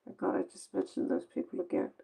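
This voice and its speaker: Speaking fast and with a warm tone, this Norwegian tarot reader, a native speaker with a Norwegian accent, rambles through a casual late-night reading. She sounds tired, and her manner is blunt and sarcastic.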